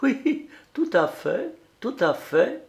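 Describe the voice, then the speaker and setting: A man voicing a wife who answers softly and hesitantly, murmuring her confession. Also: very high voice, sing-song, slow, pitched above the performer's own voice, exaggerated voice. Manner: soft, breathy, hesitant answers. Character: giggling wife hiding under the sheets.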